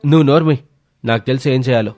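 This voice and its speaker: A man voicing a stubborn, status-obsessed young husband in an animated story. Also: medium pitch, a little fast, faint music behind, natural voice. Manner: stubborn, boastful.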